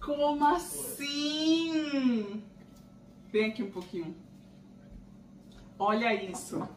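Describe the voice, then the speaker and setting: Gushing Brazilian woman, high voice, echoey room, mic a little distant. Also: steady tone, drawn-out words, slight background noise. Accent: Brazilian Portuguese. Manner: gushing, exclamatory, chatty with viewers. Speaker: channel host. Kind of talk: excited unboxing vlog.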